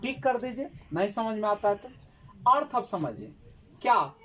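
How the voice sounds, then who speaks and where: A woman teacher works through exam questions for her class. Her voice sits slightly high, and she keeps asking the class questions, then answering them herself. She repeats key words as she explains. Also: sing-song, normal speed, fairly bright tone, slight background noise. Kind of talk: exam-prep lesson explaining Sanskrit pedagogy questions.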